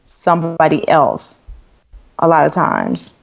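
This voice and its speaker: Speaking slowly in a fairly low, creaky voice, this Nigerian-born guest author and blogger in her thirties chats in an interview. She's relaxed and candid, sprinkling in plenty of fillers, over a dull, lo-fi recording.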